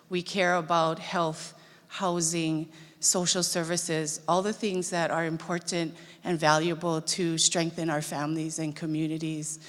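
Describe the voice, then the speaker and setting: Flat-voiced woman in a reverberant hall. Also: fairly low pitch. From Hawaii. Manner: orderly, listing points steadily. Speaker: board candidate speaker. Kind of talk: formal convention speech. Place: large convention hall.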